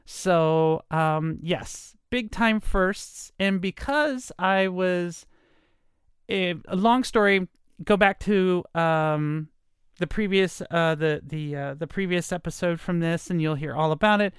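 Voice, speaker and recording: On a casual solo podcast, a woman in her fifties rambles and hesitates, filling gaps with fillers and poking fun at herself, her voice a little nasal from allergy-stuffed sinuses. She speaks on the low side at a slow, smooth pace, recorded in a clean studio with no echo.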